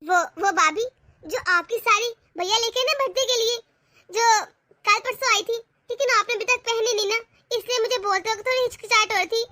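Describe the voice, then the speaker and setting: A woman voicing a spoiled, eager young college girl in an animated family cartoon, wheedling to get her way. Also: extremely high pitch, a little fast, no room sound.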